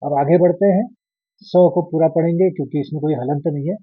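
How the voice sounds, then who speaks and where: A man teaching the pronunciation of a sacred verse line by line, chanting the lines drawn out and then explaining them softly. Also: on the high side, brisk, husky, dry recording, phone-quality sound. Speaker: Sanskrit recitation teacher. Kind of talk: slow verse-by-verse pronunciation lesson.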